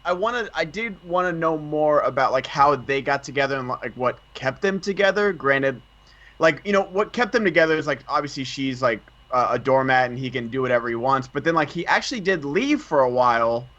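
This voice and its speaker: Bright-voiced young man, lo-fi sound. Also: medium pitch, lively intonation, a little fast. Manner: chatty, wondering aloud, acts out quotes. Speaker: podcast co-host. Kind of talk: casual movie chat.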